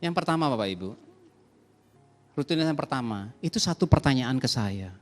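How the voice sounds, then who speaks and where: A man's voice: medium pitch, lively intonation, fairly quick, soft background music. A man preaching a sermon to his congregation, speaking animatedly and addressing the listeners directly. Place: large church hall. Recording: long church reverb.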